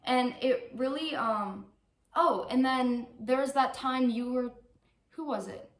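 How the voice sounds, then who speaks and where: A woman's voice: high-pitched, slow. A young woman co-hosting a casual podcast, hesitant and often trailing off mid-thought. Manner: hesitant, trailing off, frequent agreement. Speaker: podcast co-host. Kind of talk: casual chat. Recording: echoey room, faint background noise.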